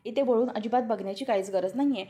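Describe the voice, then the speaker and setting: A woman's voice: a little high, fast, mellow, natural voice. A woman voicing a stubborn, feisty young heroine who insists and refuses, in a spoken TV serial recap. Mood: defiant. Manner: defiant, insistent.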